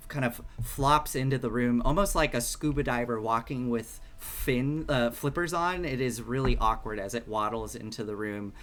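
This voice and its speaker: Gm guy narrating, bright voice, lots of ums, some music low behind. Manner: chatty, lots of ums and restarts. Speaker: game master. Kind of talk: narrating a tabletop game.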